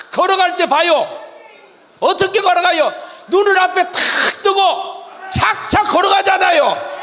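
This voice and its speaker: A man from the Jeolla region shouts a fiery political speech in a very high, strained register, hurling rhetorical questions at his listeners. His voice rings through a large hall with a long reverb tail, and a faint crowd murmurs behind him. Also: slight background noise. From Jeolla region, South Korea. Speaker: rally speaker.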